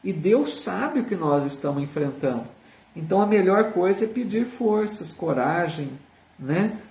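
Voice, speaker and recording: Sitting far from the microphone in a roomy-sounding space, a Brazilian Portuguese-accented man earnestly teaches a live online Spiritist study, reading out viewer comments and tossing in tag questions often. His high-pitched voice has lively intonation and a darkish tone, and he speaks a little slowly.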